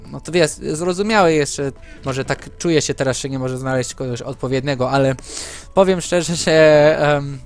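Young guy gaming and rambling, kinda high voice, lots of ums, faint music behind. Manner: rambling, chatty storytelling with many fillers. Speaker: gaming channel host. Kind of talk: casual chat while playing a game.

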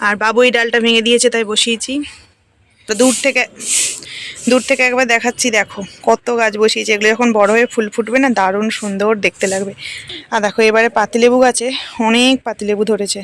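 A young woman from Bengal speaking with a Bengali accent, chatting to viewers in a casual vlog as she walks her rooftop garden and picks flowers, talking a little softly. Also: a little high, steady tone, fast, a little hiss or hum. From Bengal, India. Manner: chatty, walking tour, points things out while picking flowers. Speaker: vlogger, housewife. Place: rooftop garden of a home, outdoors.

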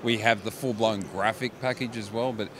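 A middle-aged man with a fairly low voice explains his company's products at a trade show booth, restarting his phrases often. He talks into a handheld mic, and the steady noise of a busy exhibition hall fills the background. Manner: explains products with frequent restarts and quick agreements. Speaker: company managing director. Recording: noisy trade show floor.

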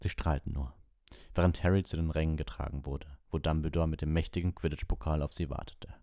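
A man hosting an audiobook livestream narrates stories and chats casually, close to the microphone. His very deep voice is mellow and steady with vocal fry, a little fast, in a dry recording.

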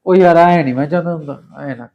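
A man's voice: a little high, fast talker, highs cut off. A man acting in a short film, sweet-talking and coaxing in a casual village manner. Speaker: actor playing a married man courting another woman.

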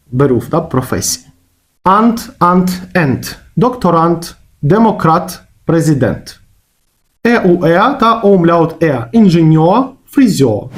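A man with a Ukrainian accent teaching German grammar in a casual explanatory lesson, slowing down to stretch out example words. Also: high voice.

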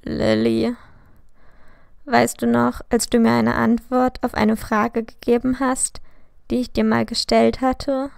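A woman's voice: fairly high pitch, little pitch movement, takes it slowly, vocal fry, a little mellow, dry recording, clean studio sound, exaggerated voice. A woman voicing a cheeky, lovestruck teenage schoolboy in a storybook reading, speaking in a hesitant, earnest way.

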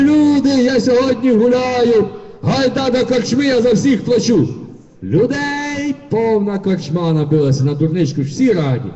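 A man performing a folk tale live on stage, telling it in a lively, vivid way. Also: fairly high pitch. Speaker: folk storyteller. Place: concert hall, live audience. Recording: dull distant concert-hall recording.

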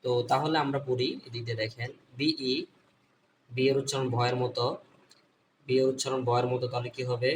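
A man's voice: mid-range voice, flat delivery, fairly quick, pauses often, recorded from a distance. A man with a Bangladeshi Bengali accent teaching an online phonics lesson, repeating each point and asking and answering his own questions. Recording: voice a bit off-mic, faint background noise.

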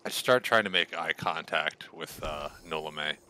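A man's voice: a bass voice, measured pace, pushed and bright, slight background noise. A man narrating his character's actions tersely in a tabletop game. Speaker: player.

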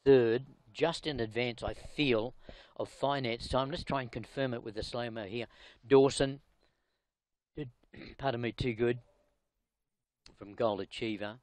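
Man, mid-pitched, racing commentator reviewing a replay, punchy emphasis, dry booth sound. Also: a little mellow, dry recording. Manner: brisk, informal, rising emphasis on horse names. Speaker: race caller.

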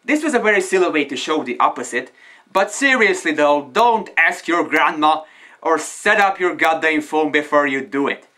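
A man talks from inside a costume head, so his voice comes out muffled. His delivery is bright and lively, swinging freely in pitch. He stays blunt and jokey throughout. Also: moderate pace. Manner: joking, blunt, swears for emphasis. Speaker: vlogger giving fursuit tips. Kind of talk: casual tips video.

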